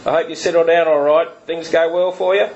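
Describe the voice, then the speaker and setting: A man voicing an older male prime minister with a rasping, nasal voice and a blunt, folksy way of talking. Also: fairly high pitch, steady tone, brisk, lo-fi sound, background noise, pitched above the performer's own voice, lightly acted. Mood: friendly.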